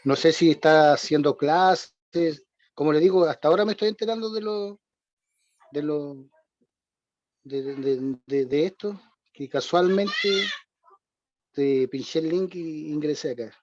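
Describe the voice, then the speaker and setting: A man's voice: a little high, unhurried, long pauses, no room sound. A man with a Chilean Spanish accent, a church member introducing himself on a video call in a rambling, hesitant way. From southern Chile. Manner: rambling, hesitant, with many restarts and soft laughs. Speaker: church member greeting the class. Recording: dull, dry video call audio.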